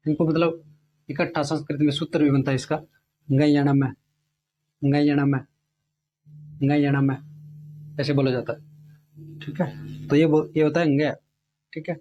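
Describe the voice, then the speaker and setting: A man with a slightly raised voice teaching Hindi grammar for competitive exams. He explains each point step by step, slows down to sound out letters, and keeps checking in with his class. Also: fairly high pitch, steady tone, warm tone, highs cut off, a little hiss or hum. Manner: repeats sounds slowly to demonstrate them. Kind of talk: exam-prep lesson.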